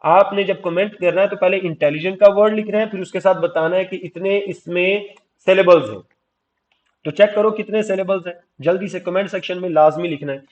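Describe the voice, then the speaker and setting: A Pakistani-accented man with a fairly high voice gives an exam-prep grammar lecture. He spells words out letter by letter and talks to his students fondly, calling them "beta". He draws out the English rule text slowly. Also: dull audio. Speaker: English teacher.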